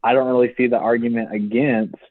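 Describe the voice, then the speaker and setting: A young man co-hosting a casual podcast tells a story from work, acting out what people said with animated delivery. His mid-range voice moves a little fast, and the sound is dry and tinny like a phone, with no echo.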